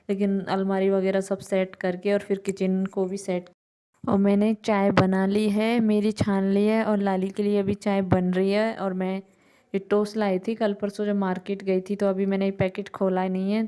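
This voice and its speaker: A woman's voice: medium pitch, mellow, smooth. A tired woman vlogging about her day at home, rambling on casually while she does her chores. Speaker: mom vlogger. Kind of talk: casual chatty home vlog narration. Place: home kitchen.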